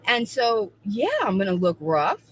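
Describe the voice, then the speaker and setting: A woman's voice: mid-range voice, animated, measured pace, fairly bright tone, a little hiss or hum, rough recording. A woman in her forties chatting casually on a livestream, emphatic and repeating her points for effect. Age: 40s. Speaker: co-host of a livestream.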